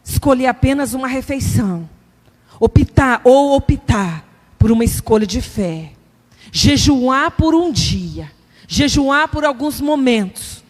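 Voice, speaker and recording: A middle-aged woman from Brazil preaching a testimony sermon, telling her story in an animated, conversational way and acting out inner voices. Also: sits high, slow, in a large hall.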